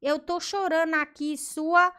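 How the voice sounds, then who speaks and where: Woman, Brazilian Portuguese accent, high voice, bright and sharp tone, excited gameplay commentary. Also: unhurried. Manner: excited, gasping, reading other players' chat aloud. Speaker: Roblox gameplay host.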